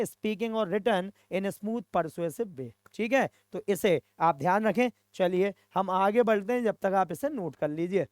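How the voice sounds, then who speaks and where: A teacher giving a recorded vocabulary lesson, switching between two languages, posing questions and answering them, and checking in often with a quick "okay". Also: mid-range voice, darkish tone, no echo, clean studio sound. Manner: mixes Hindi and English, asks and answers own questions; repeats "okay" to check in with students. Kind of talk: recorded exam-prep lesson.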